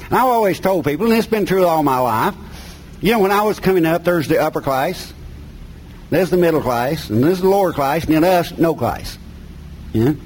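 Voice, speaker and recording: A middle-aged man from the mountains of North Carolina, USA, preaches a sermon and reads scripture in a folksy, plain-spoken Appalachian way, using colloquial grammar. His voice is a little high and darkish, husky, with lively intonation at a moderate pace. The recording quality is low.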